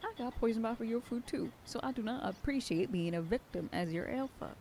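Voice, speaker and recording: A woman voice actor with a fairly high, expressive voice and a dark tone speaks a little fast, with a slight hiss or hum in the recording. In an ASMR roleplay she plays a protective werewolf sheriff girlfriend. She starts out scolding and bossy, then whispers tenderly.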